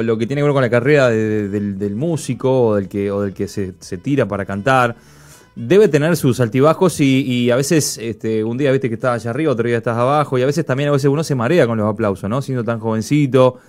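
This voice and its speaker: Chatty, encouraging host. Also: male voice, medium pitch, brisk, darkish tone. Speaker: interview host.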